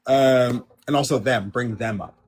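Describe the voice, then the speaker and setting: A man's voice: medium pitch, a little slow, a little mellow. A man in his twenties, a guest on a dating show, chatting over a video call in an easygoing, playful way and laughing easily. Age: 20s. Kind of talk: casual interview chat.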